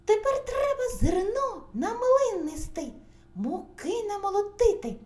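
A woman voicing two lazy, playful little mice with squeaky, shrill voices in a children's audio story. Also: sing-song, unhurried, a little mellow, full character voice. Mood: squeaky, demanding. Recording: roomy recording, faint hum.

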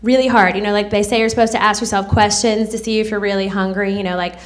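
A woman in her thirties performs stand-up into a handheld mic on a club stage, speaking quickly with medium pitch and fairly even intonation. Her delivery is sarcastic and snappy, and she slips into mocking character voices.

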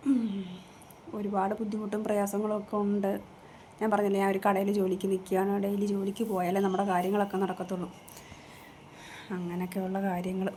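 A woman's voice: mid-range voice, monotone, a little fast, pauses often, warm tone, slight background noise. A woman vlogging in a casual chat from a room at home, talking into a phone she holds herself, earnest and rambling, going over the same points again and again. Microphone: phone held in her own hand.

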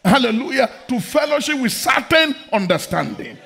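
A middle-aged man preaching a sermon in a large church hall, fervent and repetitive, often breaking into shouts. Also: extremely high pitch, sing-song, normal speed, gravelly.

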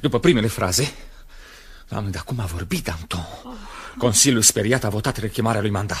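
A man's voice: lowish voice, lightly acted. An actor playing Camille, an eager young male revolutionary, in a 1970s radio drama. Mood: excited. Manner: excited, lively storyteller.

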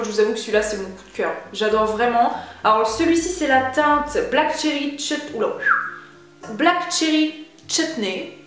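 A woman's voice: a little high, heavy reverb. A young woman chatting casually through a beauty haul vlog, slangy and enthusiastic. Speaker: beauty vlogger.

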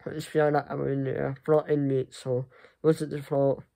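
A young man chatting casually to camera in a halting, rambling way that often trails off. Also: mid-range voice, flat delivery, vocal fry, dark tone. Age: young adult. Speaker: vlogger. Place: small furnished room indoors. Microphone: phone at arm's length.

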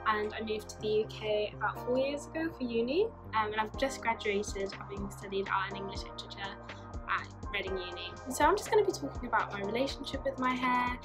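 A Norwegian artist in her twenties sits in a bright, sunlit room, speaking softly to camera over background music. Her mid-range voice moves a little fast as she thoughtfully shares personal reflections, full of fillers like "like" and "you know."

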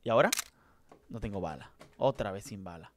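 A man streaming a horror game live, talking to his chat and swinging between mutters and loud outbursts. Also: lowish voice, expressive, a little fast, background noise. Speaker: gaming streamer. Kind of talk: live let's-play commentary.

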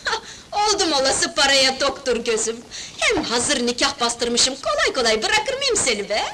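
An actress playing a brash, streetwise young wife who talks loud and slangy in an old film. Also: female voice, high voice, very animated, moderate pace. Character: brash streetwise young woman, bold, pushy. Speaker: newly married wife in a film. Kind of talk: 1970s film dialogue. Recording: noisy old film soundtrack.

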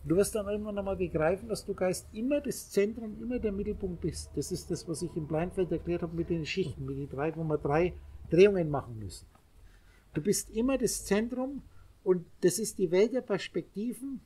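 A man's voice: sits high, brisk, mellow, slightly rough. A man giving a spiritual lecture to a small group, speaking emphatically and addressing his listeners directly. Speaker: spiritual teacher.

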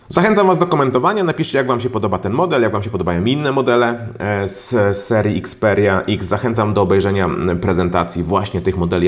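Deep-voiced man with hesitant fillers. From Poland. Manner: hesitant, many drawn-out fillers. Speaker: tech reviewer. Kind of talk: product review narration. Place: home room with a large monitor.

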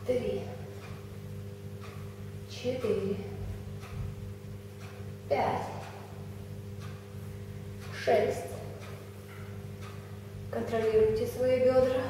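A young woman leading an exercise class as instructor, giving short measured commands and counting repetitions while she moves. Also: on the high side, steady tone. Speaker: fitness instructor. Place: small indoor exercise studio. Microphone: camera a few metres away. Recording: echoey room, distant mic, clear noise.

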